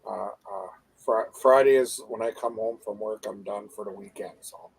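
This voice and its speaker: A man's voice: fairly low pitch, steady tone, moderate pace, vocal fry, slightly rough, rough recording. A middle-aged man co-hosting a live online show, chatting in an easygoing, rambling way with many uhs. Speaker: co-host of a live advocacy show. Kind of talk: casual chat.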